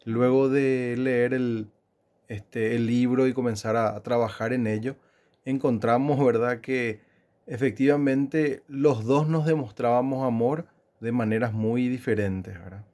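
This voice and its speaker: A man's voice: medium pitch, steady tone, a little slow, darkish tone. A middle-aged man co-hosting a casual podcast, speaking reflectively with hesitations and frequent "¿verdad?". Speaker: podcast co-host. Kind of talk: casual chat.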